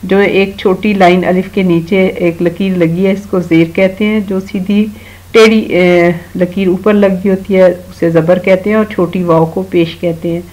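A woman from Pakistan giving a slow, patient online grammar lesson to children, talking to them directly and reciting verses now and then. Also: lowish voice, little pitch movement, darkish tone, poor audio. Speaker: teacher.

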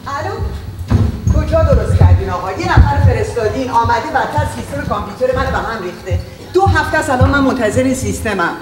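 A woman playing a short-tempered mother in an acted parenting skit, shouting harsh commands at her daughter. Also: fairly high pitch, expressive, few pauses, recorded from a distance, over loud music, lightly acted. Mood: angry. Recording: roomy echo, long reverb, faint noise.

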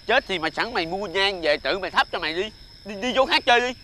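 A man's voice: high-pitched, animated, fast talker, bright, forceful tone, a little hiss or hum. A man playing a brusque, mocking incense seller in a TV fairy-tale drama.

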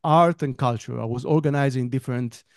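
Speaking briskly in a mid-range, slightly mellow voice, a Greek man in his thirties joins a webinar as a guest trainer. He chats casually from home on a video call, drifting off topic a bit and laughing between phrases. Through a headset and desk mic, the audio is studio quality with no room sound.

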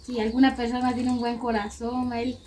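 Young female charity host, high voice, casual delivery, birds and roosters in a noisy yard. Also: flat delivery, fairly quick, mellow. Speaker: charity channel host delivering food aid. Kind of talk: casual on-camera chat. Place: open-air covered yard of a rural house. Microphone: camera a few steps away. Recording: noisy outdoor camera audio, roosters and birds.

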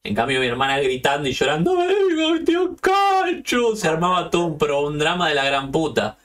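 Heard through a distant mic, a podcast host with an Argentine accent talks fast in a fairly high, fairly bright voice. He tells stories in a loose chat full of slang and profanity.

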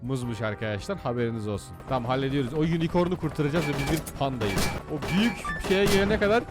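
A man commentating as he plays computer games, excitable and jokey, often shouting at the game. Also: mid-range voice, fast talker, over loud music. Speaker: gaming YouTuber. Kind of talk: let's play commentary.

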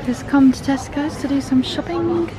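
A woman's voice: high-pitched, fairly even intonation, normal speed, a loud crowd. A young woman, chatting cheerfully to camera in a casual vlog. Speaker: vlogger. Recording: home video with clear background noise.

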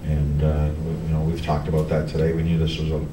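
A middle-aged man, a hockey coach, answering reporters at a post-game press conference, halting with many restarts and fillers. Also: a bass voice, completely flat delivery. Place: press room in front of a team backdrop. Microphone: table mic on a stand, heard from a camera farther off. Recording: echoey room, distant camera, background noise.

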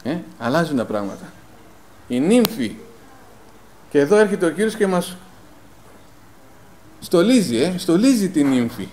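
A man preaching a sermon in a plain conversational tone, asking rhetorical questions, filling pauses with "eh" and calling the congregation brothers. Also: on the high side, sing-song, darkish tone, a little hiss or hum, rough recording. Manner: rhetorical questions answered himself, frequent "eh" fillers; personal anecdotes told in plain conversational tone. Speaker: lay preacher.

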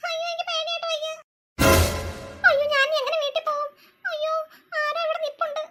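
A woman's voice: very high voice, level tone, brisk, sharp tone, soft background music. A woman voicing a young girl alone at night in a cartoon, frightened and muttering to herself. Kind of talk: cartoon voice acting.

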